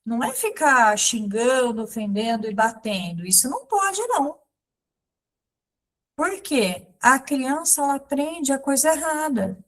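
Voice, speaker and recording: A woman in her thirties giving a catechism lesson, explaining slowly and simply with many pauses and everyday examples. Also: high voice, lively intonation, fairly bright tone. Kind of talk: catechism lesson, spoken alongside sign language.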